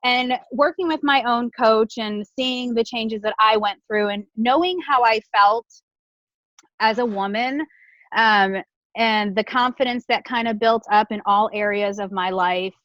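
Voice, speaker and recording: A forty-year-old woman from Buffalo, New York speaks as a podcast guest in a fairly high voice. Her recording is dry with no room sound. She tells her story in a steady, earnest way. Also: a little slow, no echo, muffled recording. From Buffalo, New York, USA. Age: 40s. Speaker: guest, nutrition coach. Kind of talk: interview answers.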